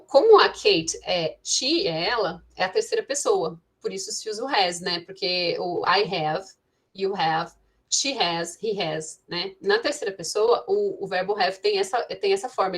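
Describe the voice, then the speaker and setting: A woman's voice: mid-range voice, normal speed, hardly any pauses. Woman teaching an English class. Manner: thinks aloud with many restarts and "né". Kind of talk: online class explanation.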